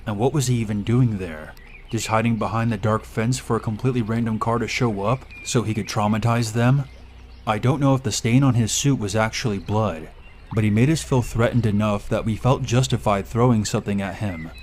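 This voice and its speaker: A man reading a first-person horror story aloud in a steady, measured way. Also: lowish voice, slight background noise. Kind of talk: scripted horror story narration.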